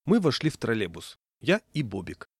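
Male narrator, wry deadpan comic reading, dry close mic. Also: on the low side, moderate pace, slightly rough, dry recording. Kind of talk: humorous story reading.

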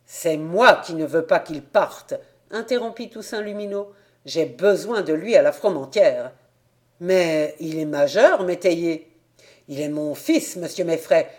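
A woman's voice: on the low side, lively intonation, unhurried, a little mellow. A woman reading the part of a proud, tall old peasant farmer and father who speaks earnestly and solemnly. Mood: pleading.

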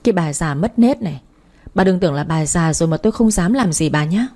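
Woman reader playing a nasty young cabbie guy, insults and threats, lowish mellow voice. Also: animated, brisk. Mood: insulting. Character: rude, arrogant young male taxi driver.

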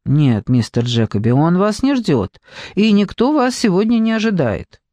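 A man's voice: high-pitched, very animated, normal speed, darkish tone, no echo, clean studio sound. A man voicing a stiff, disapproving butler who pleads in exasperation. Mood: pleading.

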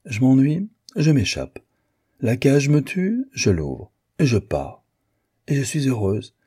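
A man reading an audiobook, voicing a lively, frank divorced American woman in a brisk, animated manner with a husky voice. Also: fairly low pitch, voice pushed up. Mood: playful.

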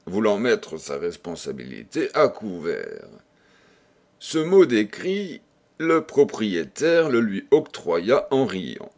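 A man reading a novel aloud as an audiobook narrator, expressive and deliberate. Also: on the low side. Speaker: audiobook reader.

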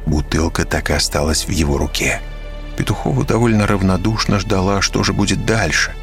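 A man narrating an audiobook in an expressive storytelling manner. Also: deep voice, fairly quick, soft background music. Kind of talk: scripted narration.

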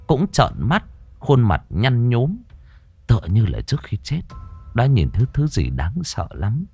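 A man's voice: lowish voice, darkish tone, breathy edge. A man narrating a ghost story with dramatic, suspenseful delivery.

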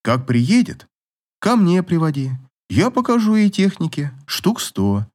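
A man's voice: sits high, very animated, measured pace, a little mellow, pitched above the performer's own voice. Man playing a brash, mocking uncle. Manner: mocking, swears.

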